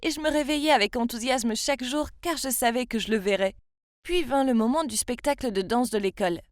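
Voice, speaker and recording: A woman in her twenties from France tells her own story in the first person, in a confiding and emotional way. Her voice is fairly high. The recording is a dry, close voice-over. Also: fairly quick, no echo. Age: 20s. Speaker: narrator.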